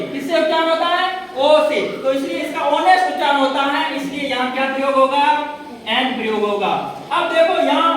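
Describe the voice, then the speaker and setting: A woman with a high voice teaches a grammar lesson, putting questions and answering them herself as she repeats each example. She is heard from a distance in a very echoey room, with faint noise behind her.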